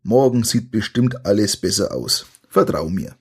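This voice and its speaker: A man's voice: lowish voice, moderate pace, slightly rough. A man voicing a young boy hero in a spoken adventure story, crying out in fear and reassuring his friend. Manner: frightened cries turning to steady reassurance.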